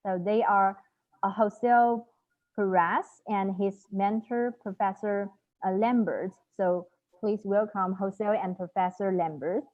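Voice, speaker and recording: A woman's voice: medium pitch, steady tone, slow pace, darkish tone. A young woman hosting a student studio talk, introducing guests politely and carefully with many fillers. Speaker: student host. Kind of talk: hosting an interview. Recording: thin phone-like call audio.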